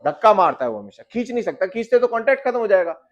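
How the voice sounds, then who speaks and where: High-voiced male physics teacher. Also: sing-song, rapid-fire, dull audio. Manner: explains with questions to students, addresses them as beta. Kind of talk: classroom lecture.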